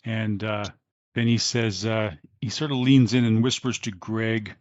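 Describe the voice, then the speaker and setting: A man narrating as game master of a tabletop game, pausing often with fillers. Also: fairly low pitch, fairly even intonation, no room sound, highs cut off. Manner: hesitant with many fillers.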